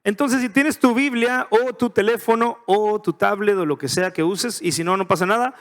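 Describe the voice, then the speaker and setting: A middle-aged man with a Mexican Spanish accent leads a verse-by-verse Bible study. His voice sits high, and he talks in a chatty, joking way, often turning questions to his listeners. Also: moderate pace, fairly bright tone. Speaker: pastor teaching a Bible study. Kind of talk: casual verse-by-verse Bible teaching.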